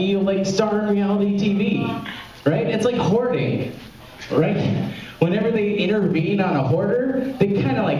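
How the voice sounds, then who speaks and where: A young man from Memphis, Tennessee, US, performs rambling open mic stand-up at a small club with a live audience, breaking off mid-joke and laughing at his own lines. His voice is high with a darkish tone. The muffled recording is very echoey and taken from far off.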